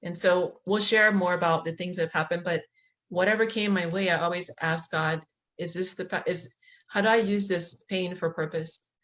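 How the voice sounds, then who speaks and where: A woman's voice: fairly low pitch, fairly even intonation, normal speed, a bit bright. A woman from Liberia, a podcast guest, telling a spiritual story in a reflective way with many fillers. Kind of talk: conversational interview.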